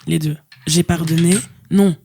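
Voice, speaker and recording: A woman's voice: sits low, fairly even intonation, measured pace, creaky, dark tone, a little hiss or hum. A woman guest on a podcast, telling a personal story in a frank, chatty way with plenty of fillers. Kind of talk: casual chat, personal storytelling.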